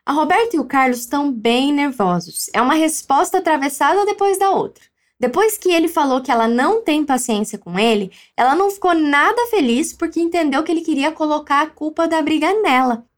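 Phrases are modeled slowly for repetition by a woman teaching Spanish through drills. Her voice is high and lively, and her tone is encouraging.

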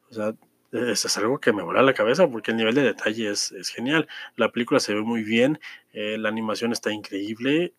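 A man's voice: medium pitch, no room sound, clean studio sound. A man, giving a chatty, enthusiastic film review with many fillers and restarts. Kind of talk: casual film review monologue.

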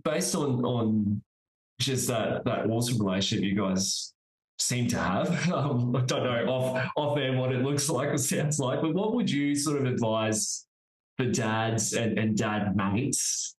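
A man's voice: on the low side, a little mellow, reverberant, rough recording. A man hosting a podcast, affirming and a little hesitant with fillers. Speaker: podcast host. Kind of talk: casual interview chat.

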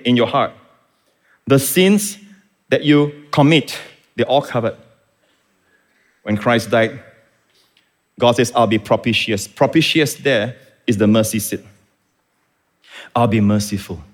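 A man preaching a sermon, teaching calmly and then rising to impassioned shouts. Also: mid-range voice. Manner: teaching, explains Greek words. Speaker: pastor.

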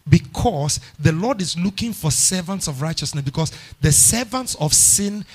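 A middle-aged man with a Ghanaian English accent preaching a sermon, repeating phrases and swinging from hushed to loud. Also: on the high side, animated, normal speed, slightly rough. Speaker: pastor.

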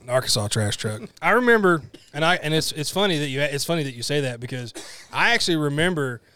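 A man's voice: fairly high pitch, expressive, fast, sharp tone, clean tone. A man, hosting a casual podcast chat, loose and profane, laughing easily. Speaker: podcast host. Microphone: headphones and studio mic.

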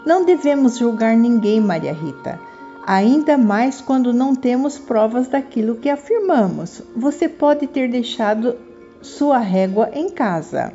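A woman voicing a calm, fair-minded schoolteacher in a children's storybook, admonishing in a measured way. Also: fairly high pitch, highs cut off, faint music behind. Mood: gently admonishing.

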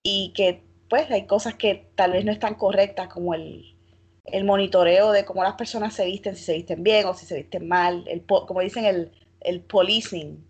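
Husky and steady at a moderate pace, a mid-range female voice belongs to a Puerto Rican fashion blogger in her thirties. Speaking with a Puerto Rican Spanish accent, she muses reflectively as an interview guest, hedging often and filling pauses.

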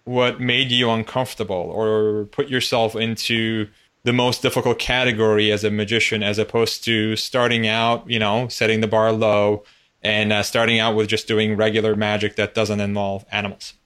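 A man's voice: on the low side, level tone, normal speed, a bit bright, clean tone. A man from Turkey hosting an interview, asking thoughtful questions in a conversational way with frequent restarts. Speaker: podcast host, interviewer.

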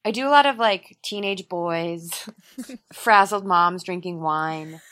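A young woman comedian chatting in an interview, animated and self-deprecating, full of fillers and quoted asides. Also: on the low side, takes it slowly. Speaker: improv comedian guest. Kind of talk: casual interview chat.

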